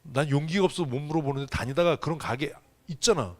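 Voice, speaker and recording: A man's voice: on the high side, quick pace. A man preaching a sermon to his congregation in a church, casual and joking, often checking in with the listeners. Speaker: pastor. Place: church sanctuary.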